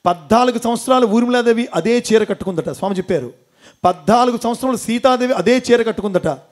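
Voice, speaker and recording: A man's voice: very high voice, fast talker. A man giving a devotional storytelling talk to an audience in a temple hall, asking them questions and acting out the characters. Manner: asks audience questions, acts out voices. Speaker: motivational speaker.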